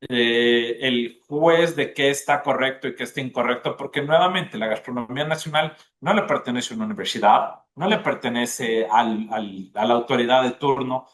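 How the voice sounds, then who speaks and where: A man's voice: medium pitch, moderate pace, hardly any pauses, a bit bright. A man, a gastronomy school dean, explaining at length in a podcast interview and often checking in with the listener. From Ecuador. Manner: explanatory, often tags "¿no es cierto?".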